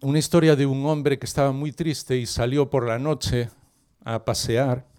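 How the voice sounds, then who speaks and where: A middle-aged man, preaching a sermon. He tells a story in a lively way and asks the listeners questions. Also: mid-range voice, moderate pace, clean tone.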